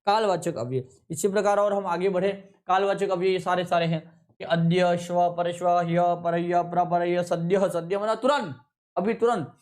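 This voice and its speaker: A man with a notably high voice lectures on Sanskrit. He drills each term by repeating it slowly and calls his students companions. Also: fairly even intonation, darkish tone. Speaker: Sanskrit teacher. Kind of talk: classroom lecture.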